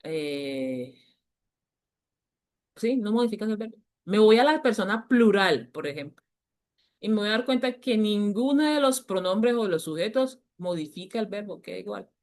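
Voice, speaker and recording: A woman teacher explaining grammar to a class, patiently repeating key points and slowing down to stress them. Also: medium pitch, lively intonation, darkish tone. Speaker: English teacher.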